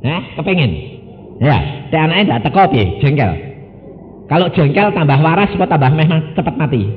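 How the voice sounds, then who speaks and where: Male pastor, animated storytelling sermon, fairly high voice, sounds like a phone-thin recording from a big hall. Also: moderate pace, slight background noise. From Indonesia. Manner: storytelling, swings from quiet asides to loud exclamations. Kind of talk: sermon with personal testimony. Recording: echoey hall over a tinny line.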